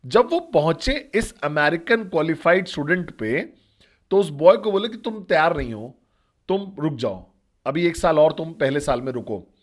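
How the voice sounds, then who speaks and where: Male motivational trainer, slightly higher voice, direct, talks straight to his listeners. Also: animated, normal speed. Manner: direct, asks listeners questions. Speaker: network marketing trainer. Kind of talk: motivational storytelling talk.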